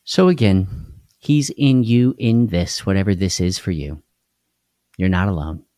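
Man, live devotional host, earnest, repeats phrases, warm low voice, dry room. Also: unhurried, no echo.

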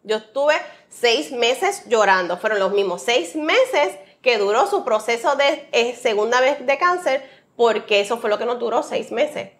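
A woman's voice: fairly high pitch, expressive, measured pace. A woman from Rico, sharing a heartfelt, faith-filled personal testimony as an interview guest. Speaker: guest, author.

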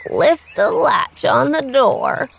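A sick old grandmother calls out slowly and weakly from her bed, as a woman narrator puts her on. She sounds frail and tired, speaking at an unhurried pace. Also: sits high, very animated, creaky, husky, exaggerated voice. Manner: weak, slow-spoken. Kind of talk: storybook read-aloud.

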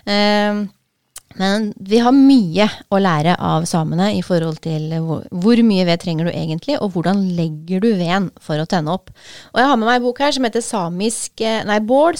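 A woman with a smooth, resonant, medium-pitched voice casually talks through a book, relaxed and thoughtful, with frequent pauses and small hesitations. The recording is close and dry, with no room sound or echo.

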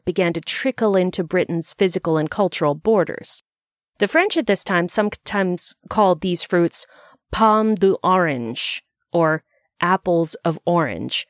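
A woman's voice: fairly low pitch, no room sound, studio quality. A woman narrating a scripted explainer in a bookish, conversational way, with wry asides.

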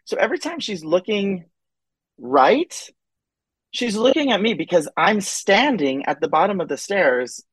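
A man telling his own story as a podcast guest in a casual, animated way, acting out quoted voices and often saying "like" and "um". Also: high-pitched, a little slow, breathy edge, no room sound, poor audio.

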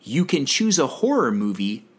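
A man's voice: mid-range voice, very animated, normal speed, slightly rough. A man co-hosting a casual podcast, reading listener questions and teasing his co-host. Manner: joking, teasing, hypes his answers. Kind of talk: casual chat.

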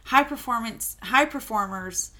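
A woman's voice: a little high, measured pace, sharp tone. A woman in her twenties co-hosting a podcast, chatting casually and animatedly, with lots of "um" and "like". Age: 20s. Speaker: podcast co-host.

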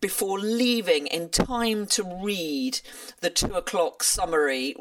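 A woman in her sixties from rural Norfolk, a broadcast journalist, recalling her career in a lively, self-deprecating interview. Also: lowish voice, takes it slowly, noisy background. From England, rural Norfolk. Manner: animated storyteller, self-deprecating. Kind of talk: reflective interview answers. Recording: dry but slightly distant mic.

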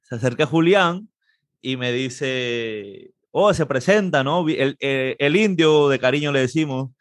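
Peruvian guy telling a story, mid pitch, acts out the quotes, dry close sound. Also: a little slow, dry recording. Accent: Peruvian Spanish. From Peru. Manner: animated, acts out quoted dialogue in a raised voice. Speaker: interview guest, trombonist. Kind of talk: casual anecdote telling.

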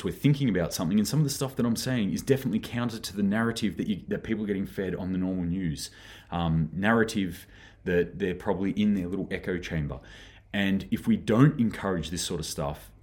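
A man's voice: sits low, fairly quick, a little mellow, slightly rough. A man hosting a daily preparedness news livestream, talking in a rambling, earnest way with lots of fillers and restarts. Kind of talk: casual livestream commentary.

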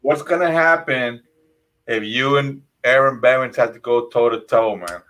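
A man's voice: mid-range voice, normal speed, fairly bright tone, rough recording. A man hosting a casual interview, laid-back and peppering his questions with man. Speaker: host.

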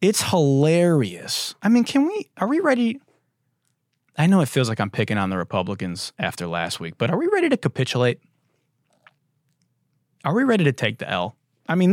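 Man, podcast host, sarcastic, swears a lot, laughs often, very animated pitch, dry close sound. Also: no echo. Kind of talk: comedic talk monologue.

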